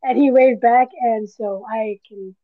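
A woman's voice: fairly high pitch, fairly even intonation, measured pace, no echo. A woman co-hosting a podcast, chatting casually and gushing like a fan, with plenty of fillers. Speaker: podcast co-host. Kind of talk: casual chat. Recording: tinny phone-like line.

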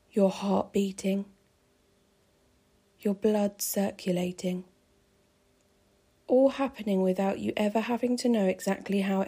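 A woman calmly guiding a pregnancy relaxation meditation with slow, soothing, measured phrasing. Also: mid-range voice, husky. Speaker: meditation guide.

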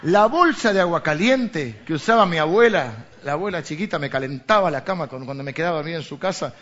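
Male pastor, Rioplatense accent, conversational sermon with rhetorical questions, pitch on the higher side. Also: lively intonation, brisk, a bit bright. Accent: Rioplatense Spanish. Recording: dull lo-fi recording.

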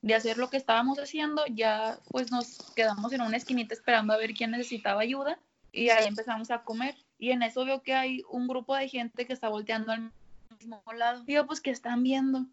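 Young mexican woman chatting, slightly high voice, slangy, muffled lo-fi sound. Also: steady tone, fairly quick. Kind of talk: casual storytelling. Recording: dull lo-fi sound.

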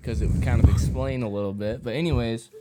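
A young man co-hosting a podcast in casual chat, telling things haltingly with slangy swearing. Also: medium pitch, steady tone, dark tone. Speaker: podcast co-host. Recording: clearly noisy, with clicks.

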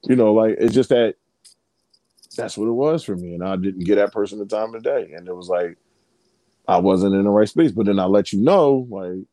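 A man's voice: fairly low pitch, moderate pace, dark tone, no room sound, low-quality recording. A man co-hosting a podcast, telling stories in loose, profane casual chat with lots of restarts. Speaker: podcast co-host.

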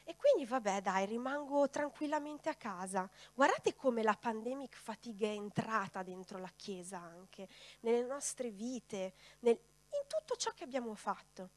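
A woman's voice: fairly high pitch, lively intonation, measured pace. A woman preacher delivering a sermon, putting rhetorical questions straight to her congregation.

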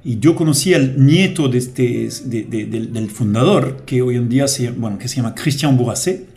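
A man from France, a French native speaking in a relaxed, chatty way with frequent hesitations, interviewed as a guest in a radio studio. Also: medium pitch, normal speed, creaky. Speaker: guest, company director.

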